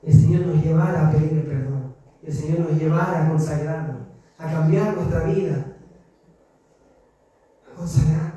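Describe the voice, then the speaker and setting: A man's voice: fairly high pitch, moderate pace, pauses often. A man with a Chilean accent preaching a sermon, telling stories and asking the congregation rhetorical questions. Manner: animated storytelling with rhetorical questions and laughter. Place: church hall. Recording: very echoey hall, voice far from mic.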